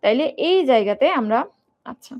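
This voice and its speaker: A woman's voice: on the high side, lively intonation, a little fast, muffled recording. A young woman teaching an exam-prep grammar lesson, asking the students questions and repeating words in drills.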